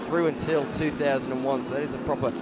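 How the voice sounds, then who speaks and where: A man's voice: medium pitch, little pitch movement, fast talker. A man giving live motorsport commentary on a car race. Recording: loud car and engine noise behind. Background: race cars and trackside ambience.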